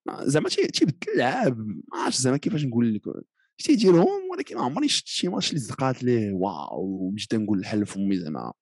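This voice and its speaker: A man's voice: mid-range voice, huge pitch swings, racing, hardly any pauses, no echo, clean studio sound. A man with a Moroccan accent in a casual football discussion, explaining his points and mixing in French phrases.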